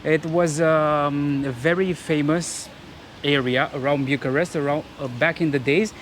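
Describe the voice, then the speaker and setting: A young man from Romania chats as a local guest, answering with quick eager yeses. His voice sits a little high. Faint traffic noise drifts in from the street. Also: fairly even intonation. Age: young adult. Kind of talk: casual street interview. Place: outdoors walking in a city old town.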